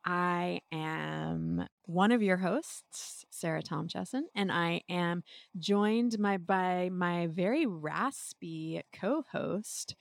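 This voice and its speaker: A woman's voice: on the low side, slow, gravelly, dry recording, studio quality. A woman hosting a podcast, opening the show and chatting casually, laughing often and backing up her co-host. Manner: warmly laughing, supportive interjections. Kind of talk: casual chat.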